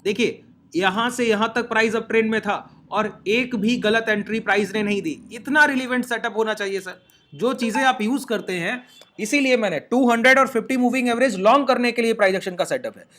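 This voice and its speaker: Bright, high-voiced man teaching trading. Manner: explains step by step, often checks in with listeners. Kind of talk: screen-share trading lesson.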